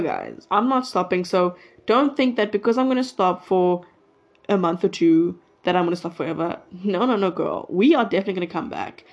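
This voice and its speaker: A nineteen-year-old woman hosts her own solo podcast, chatting and rambling casually and cutting off her own sentences. Her voice is lowish, and the audio sounds dull through a mic plugged into a phone.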